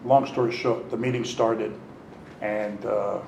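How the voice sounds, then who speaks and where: A man's voice: lowish voice, unhurried, vocal fry. A middle-aged man speaks candidly about his past at a recovery meeting, switching into the voices of the people in his story. The room is echoey, and a faint hiss sits under his voice. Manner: candid, animated, acts out quotes. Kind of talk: personal storytelling.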